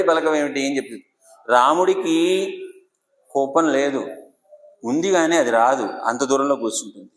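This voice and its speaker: Male preacher, devotional sermon, asks listeners questions, slightly high voice, recorded in a reverberant temple hall. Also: a bit bright. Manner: storytelling, asks the audience questions. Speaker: religious discourse speaker.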